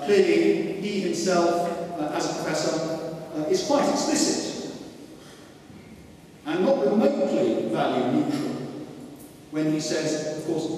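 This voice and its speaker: A man's voice: high-pitched, a little mellow, slight background noise. A man giving an academic lecture, digressive and full of restarts and asides. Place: lecture hall. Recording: echoey lecture hall, mic at a distance.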